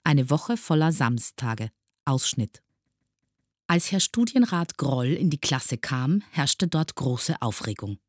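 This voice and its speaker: A woman reading a children's book aloud in a calm, expressive storytelling manner. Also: very deep voice, slow pace, dry recording, studio quality. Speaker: reader.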